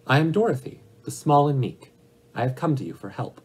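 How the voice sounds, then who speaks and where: Guy doing a meek little girl in a storybook, pitched up, earnest and polite, bit husky. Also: lively intonation, a little fast, a little mellow, poor audio. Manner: earnest, simple, pleading.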